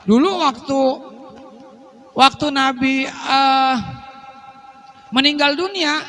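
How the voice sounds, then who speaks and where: A man's voice: very high-pitched, slow pace, pushed and bright. A man giving a humorous religious lecture to a congregation, telling stories with quoted voices and chuckles. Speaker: preacher. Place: mosque gathering.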